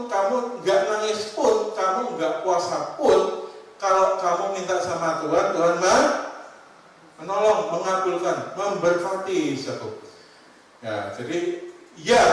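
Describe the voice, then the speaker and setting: A male pastor preaching a sermon, animated, often addressing the congregation and then dropping to quiet asides. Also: on the high side. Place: church hall. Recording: echoey church hall, mic at a distance.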